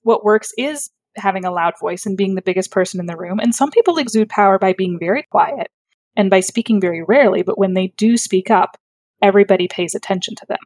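A speech therapist, a woman, talks through her work in a conversational explanation that is thoughtful and articulate, with fillers and self-corrections along the way. Her voice is medium-pitched and a little mellow, a touch fast, and there is no echo.

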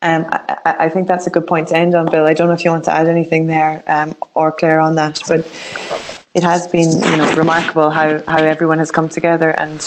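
A woman's voice: low voice, monotone, noisy background. An Irish woman, a panelist in a professional podcast discussion, talking conversationally with frequent restarts. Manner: conversational, many restarts, unhurried. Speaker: immigration lawyer, podcast panelist.

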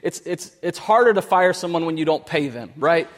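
Animated male pastor in a reverberant hall. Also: a little high, moderate pace. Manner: conversational, animated storytelling with restarts. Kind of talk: sermon. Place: church sanctuary.

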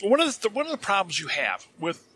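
A man co-hosts a casual podcast in a rather high, very bright voice. He rambles and leans hard on his points, often breaking off to restart a sentence. He says his throat is dry. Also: sing-song, a little fast, slightly rough. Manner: rambling, self-correcting, emphatic. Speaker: podcast co-host.

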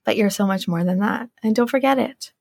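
A woman's voice: mid-range voice, brisk, creaky, darkish tone, dry recording, studio quality. A young woman hosting a podcast, talking casually and earnestly in an encouraging way, with a lot of "like". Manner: earnest, encouraging, uses 'like' often. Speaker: podcast host. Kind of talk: casual solo podcast talk.

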